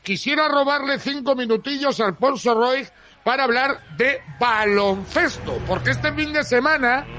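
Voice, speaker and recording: Spanish guy from spain hosting sports radio, high punchy bright voice, super colloquial, repeats himself. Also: moderate pace. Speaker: sports radio show host. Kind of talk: lively informal radio presenting.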